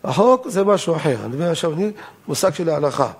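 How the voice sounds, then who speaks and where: A man's voice: a little high, very animated, slightly rough. An older man, a rabbi, giving a Torah law lesson in an emphatic lecturing manner, asking rhetorical questions and raising his voice on key points.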